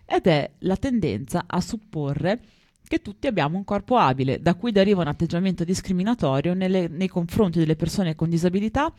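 A woman's voice: fairly low pitch, lively intonation, a little fast, a little mellow, dry recording, clean studio sound. A woman co-hosting a casual podcast, reading out definitions and commenting wryly, stumbling a little, her speech slightly impaired by a dental retainer. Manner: wry, irreverent, stumbles over words while reading. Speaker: podcast co-host.

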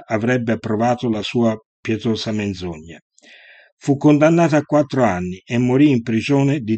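A man giving a measured, scripted narration of a historical story. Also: mid-range voice, darkish tone, no echo, muffled recording.

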